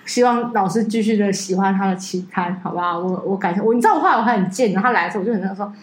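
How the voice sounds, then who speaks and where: A woman, telling a story in an animated, laughing way as a podcast co-host. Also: medium pitch, racing. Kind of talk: casual chat. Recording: echoey room.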